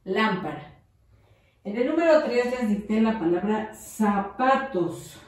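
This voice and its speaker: A woman's voice: mid-range voice, animated, takes it slowly, distant mic. A woman teaching young children in a patient, encouraging way, dictating words and drawing them out. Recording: very echoey room, voice off-mic.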